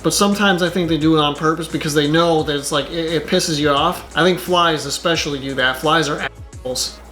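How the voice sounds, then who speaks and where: A man's voice: a little high, brisk, sharp tone, soft background music. A man doing casual reaction commentary on his channel, rambling and exasperated, with lots of filler words. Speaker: YouTuber.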